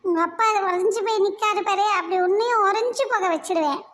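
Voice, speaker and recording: Super squeaky bratty little girl in a cartoon, mouthy and teasing. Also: brisk, fairly bright tone. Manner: bratty, teasing, name-calling. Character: cheeky sharp-tongued little girl. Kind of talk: cartoon voice acting.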